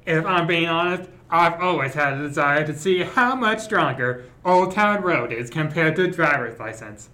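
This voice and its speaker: A man's voice: fairly high pitch, moderate pace, hardly any pauses, bright, forceful tone, low-quality recording. A man voicing a smug aristocratic male villain in an amateur anime fan dub, pompous and mocking. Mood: gloating.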